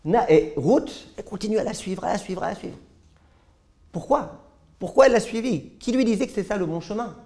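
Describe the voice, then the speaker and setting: A rabbi teaches a Torah class in front of a live audience, his voice gravelly and pitched a little high for a man. He tells stories in a lively way and often trips into repeated words mid-sentence. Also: fairly quick. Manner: lively storyteller who stumbles into repeated words. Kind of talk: storytelling Torah lesson.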